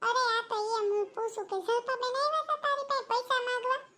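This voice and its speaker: A woman's voice: very high voice, pushed and bright. A woman voicing a chatty, boastful village housewife in a cartoon, with a Kathiawadi Gujarati accent. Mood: prying. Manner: chatty, boastful, quick-tongued. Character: gossipy village housewife who lends money.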